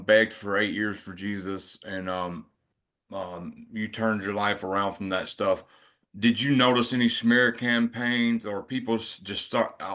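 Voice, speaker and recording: Low-voiced man asking rambling questions. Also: a bit bright. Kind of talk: casual interview.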